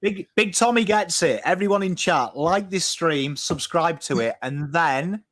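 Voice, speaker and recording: A man's voice: fairly high pitch, animated, measured pace, fairly bright tone, no echo. English guy guesting on a footy stream, playful banter, dry mic. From England. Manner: joking, hypes the audience. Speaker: guest YouTuber. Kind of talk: casual live-stream chat.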